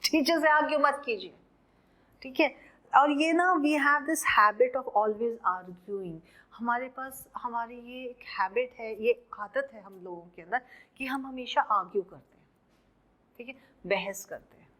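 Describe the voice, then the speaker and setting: A woman with an Indian English accent teaching a vocabulary lesson in a somewhat high voice. She talks slowly, mixing Hindi and English and repeating each word carefully so it can be pronounced. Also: fairly bright tone, low-quality recording.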